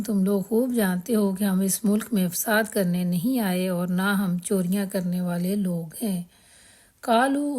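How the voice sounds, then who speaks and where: Mellow woman translating scripture word by word. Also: mid-range voice. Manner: measured, recites each word then translates it. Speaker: Quran translation teacher.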